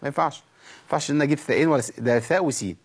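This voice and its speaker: An Egyptian-accented man gives a tajweed lesson in a slightly raised voice. He talks to his listeners directly and casually, then slows right down to model each verse with careful articulation. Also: on the high side, slightly rough. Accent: Egyptian Arabic. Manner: explains, then models verses slowly and precisely; urges listeners directly, conversational. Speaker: Quran recitation teacher.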